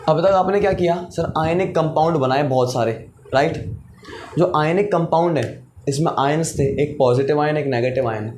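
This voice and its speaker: A man's voice: on the high side, normal speed, darkish tone, a little hiss or hum. A man teaching chemistry in a classroom-style lecture. He asks questions, answers them himself, and repeats each step.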